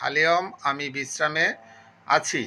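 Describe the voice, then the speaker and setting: A man's voice: a little high, steady tone, unhurried, bright, forceful tone, a little hiss or hum. A man giving a phrase-by-phrase language lesson, methodically explaining each word and then repeating the full meaning. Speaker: language teacher.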